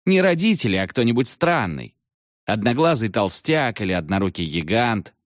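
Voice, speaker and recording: A man voicing a seventh-grade schoolboy who shouts urgently down a payphone. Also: on the low side, sing-song, dry recording, studio quality. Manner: loud, urgent, hurried shouting. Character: excitable schoolboy on a payphone, about thirteen.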